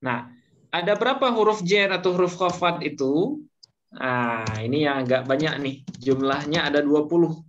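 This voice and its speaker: A man's voice: a little high, lively intonation, moderate pace, fairly bright tone. A man teaching Arabic grammar to a class, patiently repeating each point and leaving gaps for students to finish his words. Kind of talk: slow classroom lesson. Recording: dull lo-fi recording, faint noise.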